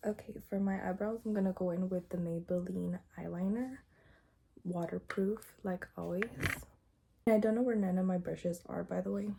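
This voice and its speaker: A young woman chatting casually through a makeup tutorial at home, talking softly and sometimes in a whisper, with a groggy morning voice. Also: on the low side, steady tone, normal speed, gravelly, slight background noise. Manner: soft, hushed talk, sometimes slipping into a whisper. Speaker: beauty vlogger. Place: home, indoors. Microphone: phone front camera.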